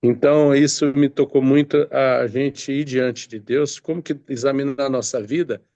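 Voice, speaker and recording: A man's voice: mid-range voice, steady tone, normal speed, mellow, no echo, dull audio. A man preaching a sermon, reading scripture aloud and explaining it with many hesitant fillers and restarts.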